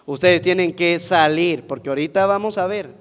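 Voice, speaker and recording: A Venezuelan priest delivers a sermon at Mass in a high, carrying voice at normal speed. He keeps putting questions to the congregation and answering them himself, while the church's long reverb rings behind him.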